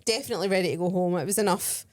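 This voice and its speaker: A woman's voice: on the low side, rapid-fire. A woman co-hosting a podcast, telling holiday stories in casual chat, laughing as she goes. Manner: chatty, animated, laughs while telling stories. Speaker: podcast co-host.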